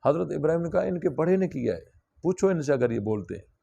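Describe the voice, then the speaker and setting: A male religious teacher gives a classroom lesson, working through a scripture point by point. His voice is strongly gravelly and sits somewhat high. He keeps turning to his students with questions to check they follow. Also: sing-song, mellow, dull audio. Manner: explains step by step, asks students questions.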